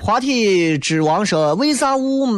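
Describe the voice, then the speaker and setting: A man's voice: sits high, expressive, unhurried. A man hosting a casual talk show, answering listener messages in a blunt, teasing, colloquial way. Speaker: host of an audio show. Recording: loud guitar music behind the voice. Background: guitar music.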